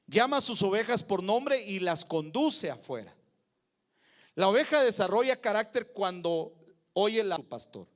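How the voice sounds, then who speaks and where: High-voiced Mexican preacher, emphatic. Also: male voice, lively intonation, measured pace. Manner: emphatic, swings between loud peaks and low asides, asks the crowd for agreement. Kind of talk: sermon.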